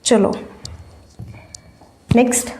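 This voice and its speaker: A woman's voice: very slow, dark tone. A woman teacher giving an online exam-prep lesson, explaining step by step, repeating key points and mixing in English words. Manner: casually mixes in English words. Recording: roomy echo.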